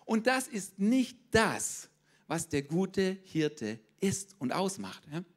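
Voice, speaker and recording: Here a man with a high voice gives a sermon as pastor. His delivery is energetic and aimed straight at the congregation, punctuated by frequent quick questions.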